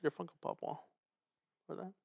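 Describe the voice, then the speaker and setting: A man co-hosting a podcast in casual chat, laid-back and low-key, often speaking quietly. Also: normal speed, no room sound. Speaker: podcast co-host.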